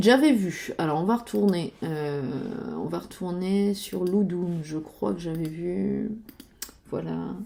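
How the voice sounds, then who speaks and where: A woman with a medium-pitched, gravelly, mellow voice, a board game YouTuber, chats casually about board games as she searches websites. She hesitates often, uses many fillers, and mutters to herself.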